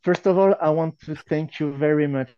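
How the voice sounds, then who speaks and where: A man's voice: a little high, normal speed, mellow, clear, resonant tone, no echo, dull audio. A man with a French accent, a native French speaker, chatting casually as a podcast guest in hesitant, non-native English.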